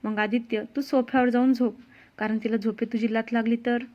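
A woman's voice: fairly high pitch, level tone, brisk, lightly acted. A woman voicing a loving, teasing middle-aged mother in a storybook reading. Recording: dull lo-fi sound.

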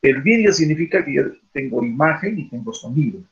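A man leads an online class. He rambles along in a slightly high, gravelly voice, filling pauses with "este" and asking rhetorical questions. The video call audio sounds dull and lo-fi. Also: animated. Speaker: teacher leading an online class.

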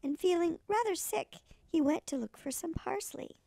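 Sweet, creaky old lady reading a storybook. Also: extremely high pitch, expressive, normal speed, warm tone, no room sound. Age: older. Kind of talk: expressive children's storybook reading.

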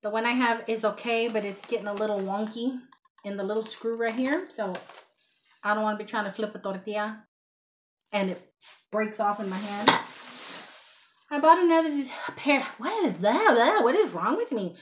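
A woman with a fairly high voice chats casually to a webcam about her shopping haul in a small indoor room with shelves. She speaks at normal speed, pauses often, and rambles with self-deprecating asides, with slight background noise.

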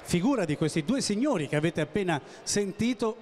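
A man's voice: sits high, animated, brisk, a little mellow. A man hosting a live quiz, announcing with suspense and giving short projected commands. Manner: Italian quiz host, announcing and building suspense; projecting, directing children with repeated short commands. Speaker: quiz show host. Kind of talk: live event hosting to children and audience. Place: busy indoor shopping centre atrium. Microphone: handheld microphone. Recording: live PA with music and crowd noise.

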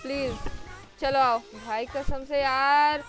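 A woman's voice: sits high, fairly even intonation, takes it slowly, fairly bright tone. A woman streaming a shooter game with her squad, pleading and tense one moment, trash-talking rivals the next. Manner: anxious and pleading, swears and trash-talks rivals. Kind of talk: live gameplay chat with callouts. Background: game music and gunfire.

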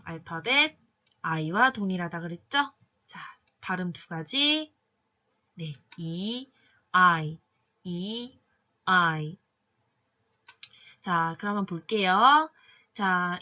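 A woman teaching English phonics in a patient classroom manner, slowly sounding out each letter and cueing students along. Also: lowish voice, expressive, sharp tone, highs cut off. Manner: patient, drawn-out sounding of letters, many "자" cues. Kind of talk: slow classroom phonics lesson.

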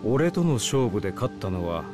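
A man's voice: fairly low pitch, big pitch swings, moderate pace. An actor playing a solemn, proud male spirit in a video game, speaking in formal, old-fashioned warrior phrasing. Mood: stern. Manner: grave, formal archaic phrasing. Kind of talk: Japanese RPG cutscene voice acting. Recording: game soundtrack music behind.

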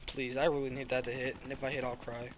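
A young man commentating his own gameplay, excitable and prone to sudden yelling. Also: mid-range voice, fast, noisy background. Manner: excitable, bursts into yelling and shrieks. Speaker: gaming channel host. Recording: game gunfire behind the voice. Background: gunfire and game sounds.

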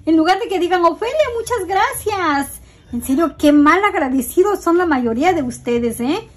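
A middle-aged Mexican woman with a Mexican accent, hosting a casual cooking video and talking frankly and warmly to her viewers as friends. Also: high-pitched, fairly quick. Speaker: cooking channel host.

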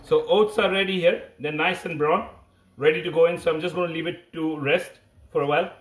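A man's voice: fairly high pitch, steady tone, a little fast. A man in his thirties with an Indian accent, chatting casually as he hosts a live cooking stream, often repeating short phrases. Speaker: cooking livestream host. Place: home kitchen, indoors. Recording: echoey room, phone mic.

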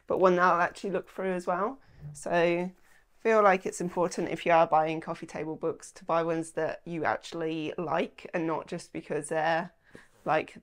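In a small room at home, a woman in her thirties from England chats to camera about her purchases as a lifestyle vlogger doing a casual haul. Her slightly low voice has a touch of nasality from an oncoming cold. She rambles freely, scattering "like" and "um" throughout.

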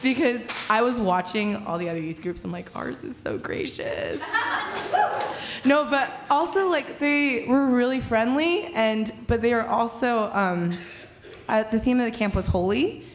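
A woman's voice: fairly high pitch, expressive, a little slow, noisy background. A young woman sharing a chatty, bubbly testimony at a stand mic on a church stage, laughing often between thoughts. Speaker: youth leader sharing at church. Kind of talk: casual testimony.

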